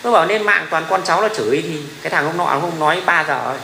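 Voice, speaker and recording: A man's voice: on the high side, fast, vocal fry, sharp tone. Blunt, foul-mouthed man. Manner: blunt and profane, laughs often, mimics commenters. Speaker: livestream host. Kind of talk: casual rambling livestream talk. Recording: echoey room with faint ambient noise.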